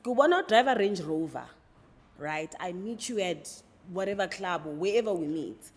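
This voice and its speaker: A woman's voice: on the low side, expressive, normal speed, slightly rough, in a large hall. A woman with a South African accent, speaking earnestly as a podcast co-host and mixing English with Sesotho in casual panel talk.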